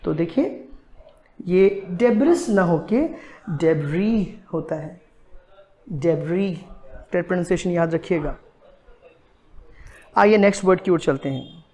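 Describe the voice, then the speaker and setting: Slow-paced Indian man teaching in an echoey room. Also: high voice, darkish tone. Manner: switches between Hindi and English, slow and deliberate on English words. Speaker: English pronunciation teacher. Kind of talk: online pronunciation lesson. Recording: roomy echo.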